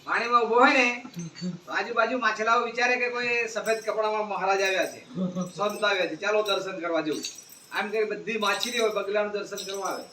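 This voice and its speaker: A man giving an animated moral talk to schoolchildren, often asking them questions. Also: sits high, brisk, slight background noise. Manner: animated, asks the children questions. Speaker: speaker addressing schoolchildren. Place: school gathering. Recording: echoey room, distant mic, faint ambience.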